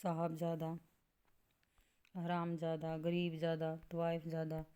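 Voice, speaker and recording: A woman teaching grammar at a slow classroom pace, reading out word lists one by one and explaining each, with an occasional cough. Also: sits low, completely flat delivery, dark tone, clear, resonant tone. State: coughing at times.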